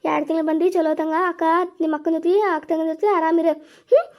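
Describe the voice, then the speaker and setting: Woman as a caring village mother, North Karnataka Kannada, very high voice, coaxing, family drama. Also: level tone, quick pace, a little mellow. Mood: soothing. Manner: soothing, coaxing. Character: caring village mother comforting her children.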